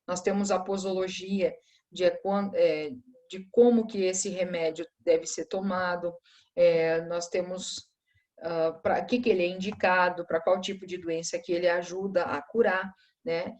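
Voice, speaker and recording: A woman's voice: on the low side, level tone, a little slow, darkish tone. A woman teacher walks her class through a recorded review. Her delivery is patient and explanatory, and she checks in with short tag questions as she goes.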